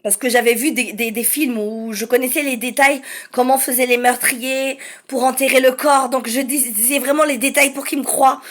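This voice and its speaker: A woman with a notably high voice tells a personal story straight to the listener. Her delivery is halting and full of restarts, and she acts out the dialogue as she goes. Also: steady tone. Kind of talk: personal testimony to camera.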